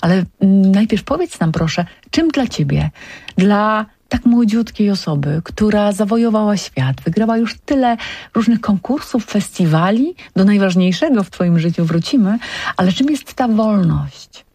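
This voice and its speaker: Radio host, woman, dark husky voice with fry, dry studio mic, gentle anecdotal delivery. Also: medium pitch, lively intonation, normal speed, no room sound. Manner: warm storytelling, tender diminutives. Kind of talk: radio interview.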